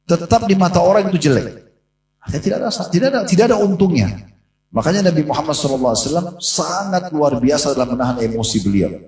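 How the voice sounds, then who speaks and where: A man delivers a sermon at a brisk, rapid clip, acting out the voices in his story. He sits back from the microphone, so his voice carries with a roomy echo through the mosque. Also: on the high side, big pitch swings, darkish tone. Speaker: preacher. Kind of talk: sermon to a congregation. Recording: echoey room from a distance.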